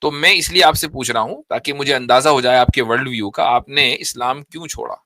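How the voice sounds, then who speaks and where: Bright, sharp-voiced man debating. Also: medium pitch, a little fast, a little hiss or hum. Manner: argumentative, probing, repeats points. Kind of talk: live religious debate, question and answer.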